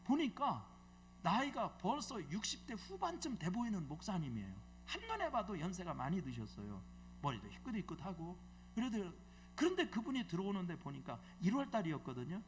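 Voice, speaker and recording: A man's voice: high-pitched, wildly swooping pitch, a little fast, a little hiss or hum. A middle-aged man preaching a revival sermon in a church, telling a story in a colloquial, joking way and quizzing the congregation with questions. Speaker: guest preacher, bishop. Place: church sanctuary.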